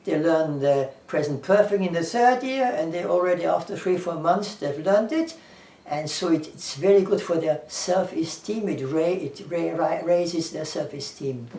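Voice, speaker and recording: An English teacher with a German accent talks casually to camera in a mellow, higher-than-average voice at a moderate pace. Earnest throughout, he repeats himself, runs through ideas as a list and cites scripture, recorded at a distance from the mic in an echoey room.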